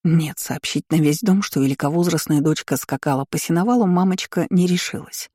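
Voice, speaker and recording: Woman narrator for a first-person audiobook, expressive, mellow voice, dry close sound. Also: sits low, fairly quick, husky, dry recording. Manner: expressive, acts out her own outbursts.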